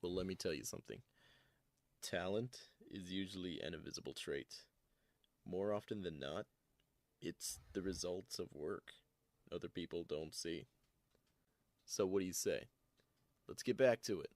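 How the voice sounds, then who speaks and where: A man voicing an encouraging friend who talks in a calm, measured way. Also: low-pitched, no echo.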